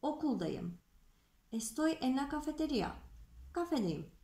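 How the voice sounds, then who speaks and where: A woman teaching Spanish grammar to Turkish speakers, slow and patient, repeating examples and checking in with her students. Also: high-pitched, sing-song, warm tone, reverberant. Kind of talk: explaining grammar to Turkish learners.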